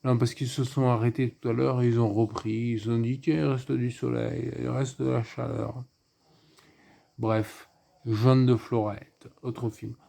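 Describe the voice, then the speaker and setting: Slow, gravelly man. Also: medium pitch, flat delivery, warm tone. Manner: digressive, chatty, full of asides and fillers. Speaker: film reviewer. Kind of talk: casual rambling film review.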